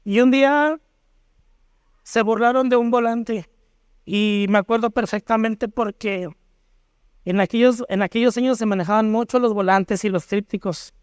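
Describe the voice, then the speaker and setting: A man's voice: high-pitched, moderate pace, smooth, no echo. Mexican guy sharing his testimony at church, acts out the dialogue, dry close sound. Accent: Mexican Spanish. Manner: lively storyteller acting out remembered dialogue. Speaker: church panelist. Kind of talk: personal testimony at church panel.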